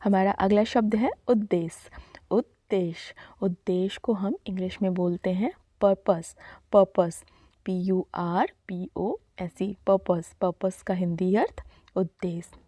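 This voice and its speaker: A woman gives a patient vocabulary lesson, repeating each word and spelling it out letter by letter. Her voice is mellow and soft, recorded close and dry with no room sound. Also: medium pitch, no room sound. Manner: slow, deliberate, spells words letter by letter. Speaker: vocabulary teacher. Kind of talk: Hindi-to-English vocabulary lesson.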